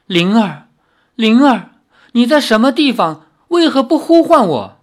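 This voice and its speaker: Reader doing a desperate young swordsman from a storybook, calling out, pitch swinging up and down. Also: sing-song, normal speed. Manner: anguished, calling out. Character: young man, a devoted hero searching for his lost wife.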